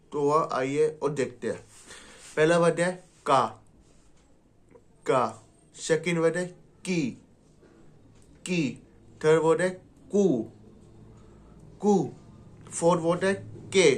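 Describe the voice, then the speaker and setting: A man teaching a beginner language lesson, saying each sound and then repeating it. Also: on the high side.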